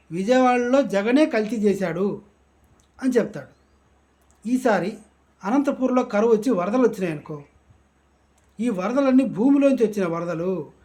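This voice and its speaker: A man with a high-pitched voice delivers satirical political commentary. He talks in a mocking, sarcastic rant. He is from Andhra Pradesh. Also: darkish tone.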